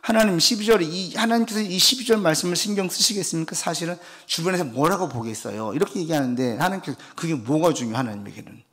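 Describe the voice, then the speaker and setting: Korean pastor preaching with animated swings. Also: male voice, on the high side, quick pace, few pauses. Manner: animated preaching, acts out God's and parents' lines; drops to soft, quiet delivery when urging prayer. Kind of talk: Wednesday sermon, Bible exposition.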